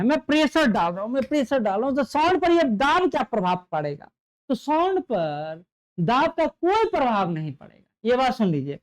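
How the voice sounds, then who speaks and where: A man teaching an exam-prep lecture, repeating key points and checking understanding with rhetorical questions. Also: very high voice. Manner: gets louder and softer to demonstrate sound.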